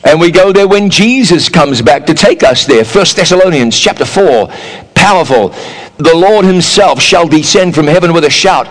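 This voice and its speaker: A man preaching a sermon, animated, swinging between loud urging and low mocking asides. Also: moderate pace, big-room sound, rough recording.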